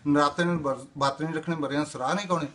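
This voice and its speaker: An older man from Indian Punjab delivering rapid-fire rhyming comic patter, chanting long rhythmic lists in a sing-song. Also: on the high side, steady tone, a bit bright. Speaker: comic monologue performer.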